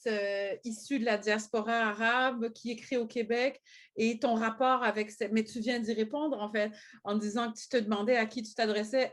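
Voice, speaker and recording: A woman hosting an online panel, musing and restarting her sentences. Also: on the high side. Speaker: host.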